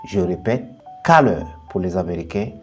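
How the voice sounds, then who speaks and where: A man with a mellow, warm voice teaches English pronunciation in a calm, deliberate way. He says each word slowly and repeats it so the difference is clear. Soft instrumental music plays quietly underneath. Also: mid-range voice. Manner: slow, deliberate modelling of word pairs. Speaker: English teacher, channel host. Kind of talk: bilingual pronunciation lesson.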